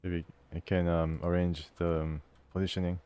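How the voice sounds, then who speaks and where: A man commenting casually on a role-playing game as he plays, reading the game's text aloud and thinking out loud with an amused, chatty manner. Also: low-pitched, flat delivery, moderate pace, clean tone. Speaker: gameplay host.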